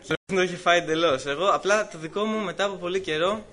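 A man giving a personal testimony in church, telling his story in a lively way with laughs, hesitations and voiced quotes. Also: sits high.

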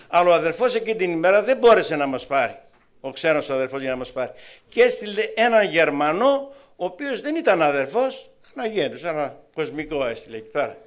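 Animated Greek preacher telling stories. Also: male voice. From Greece. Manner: animated storytelling with wide swings in pitch and loudness. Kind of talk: testimony sermon.

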